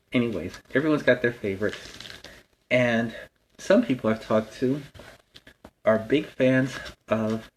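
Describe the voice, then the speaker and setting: Man playing low-voiced, chatty Spider-Man storyteller. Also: a little hiss or hum, close to an everyday voice, poor audio. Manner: friendly, rambling, explains things simply. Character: Spider-Man, friendly, chatty masked superhero telling stories. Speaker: host of a story time series. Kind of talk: casual in-character storytelling to children.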